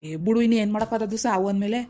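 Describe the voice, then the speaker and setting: A woman's voice: medium pitch, steady tone, racing, mellow, voice pushed down, natural voice. A woman voicing a blunt, dismissive older village husband in a cartoon. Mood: gruff. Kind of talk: animated cartoon voice acting.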